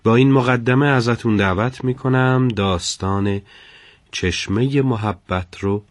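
A man reading a scripted story aloud in a measured, solemn storytelling manner. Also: medium pitch, no room sound. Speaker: narrator. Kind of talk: scripted narration.

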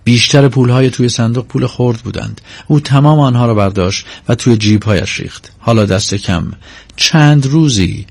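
Male audiobook narrator, steady measured reading, middle pitch, close mic, totally dry no room sound. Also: vocal fry, dry recording. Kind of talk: scripted narration.

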